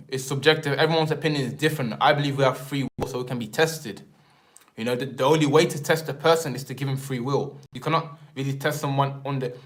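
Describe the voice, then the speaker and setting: A young Englishman with an English accent hosting a casual live stream, rambling in slang and tagging his sentences with filler words. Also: mid-range voice. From England. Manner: rambling, slangy, repeats filler tags like "man" and "and that".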